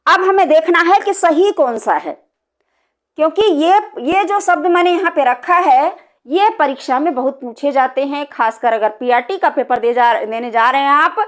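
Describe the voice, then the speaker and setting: A woman's voice: sits high, moderate pace. A woman teaching a Hindi grammar lesson for exam preparation. She explains step by step and keeps repeating key terms with a checking "okay".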